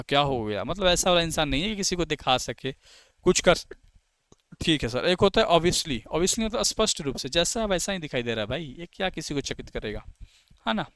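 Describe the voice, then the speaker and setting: A fairly high, smooth male voice in a brisk exam-prep lesson. He keeps checking whether his students have followed and answers his own questions. The recording is close and dry. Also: no room sound. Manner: lively, asks students "clear है?" and answers himself. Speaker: vocabulary teacher.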